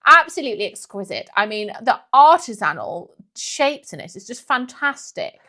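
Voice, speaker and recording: A woman's voice: fairly high pitch, big pitch swings, moderate pace, bright, forceful tone, voice pushed up, heavily acted. A woman doing a gushing pseudo-posh lady. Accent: posh English. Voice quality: drawling, affected, says darling.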